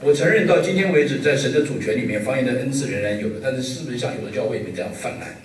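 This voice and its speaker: A male pastor preaching a sermon with humor and a steady stream of rhetorical questions. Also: mid-range voice, racing. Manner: lively, joking, full of rhetorical questions. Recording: echoey hall, voice from a distance.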